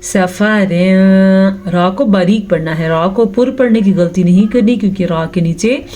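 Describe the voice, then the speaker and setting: A woman teaching Quran recitation with tajweed, patiently explaining each rule step by step and drawing out the recited verses very slowly. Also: fairly low pitch, mellow, a little hiss or hum. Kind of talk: tajweed lesson with slow recitation.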